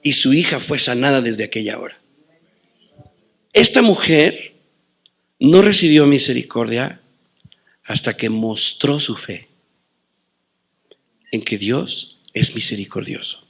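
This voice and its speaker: Male pastor, mid-range, gravelly texture; dramatic sermon delivery with sharp shifts between booming and hushed. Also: lively intonation, takes it slowly, long pauses. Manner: dramatic preaching, swinging between loud declarations and hushed asides; quotes scripture and tells personal stories.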